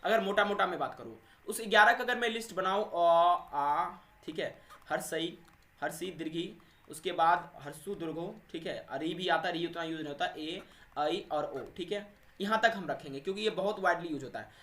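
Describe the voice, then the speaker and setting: A man teaches an exam-prep grammar lesson, asking questions and answering them himself. His voice is bright and sharp. The room around him is echoey. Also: high-pitched, fairly quick. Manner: addresses students as friends and little brothers, asks and answers own questions. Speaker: English teacher.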